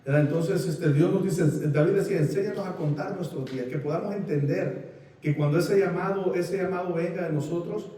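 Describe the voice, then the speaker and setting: Man, pastor, halting sermon, fillers, slightly high voice, echoey distant room. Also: warm tone. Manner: halting, repeats words, many fillers. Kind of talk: sermon with congregation sharing.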